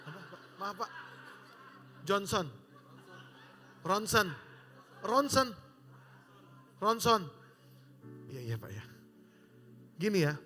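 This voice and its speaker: A man preaching with a very high, sharp and bright voice, swinging between jokes and loud appeals. His sermon rings through a large hotel auditorium with a long hall echo. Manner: animated, joking storyteller, shouting at times. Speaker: pastor.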